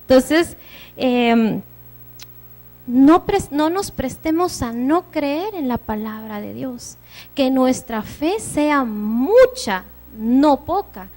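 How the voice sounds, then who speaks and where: A woman's voice: sits high, animated, extremely slow, darkish tone, faint music behind. A woman giving a church sermon, preaching earnestly and conversationally with personal stories.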